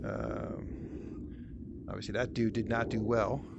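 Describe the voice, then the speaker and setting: Gravelly man rambling over VR gameplay. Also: fairly low pitch, sing-song, measured pace, highs cut off. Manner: rambling, joking, self-deprecating. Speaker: VR game video creator. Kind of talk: casual gameplay commentary. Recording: noisy home recording.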